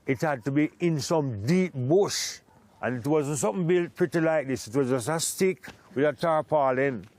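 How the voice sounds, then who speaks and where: A Jamaican man telling his story in an interview, in measured Rasta speech. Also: fairly high pitch, lively intonation, a little mellow, no room sound.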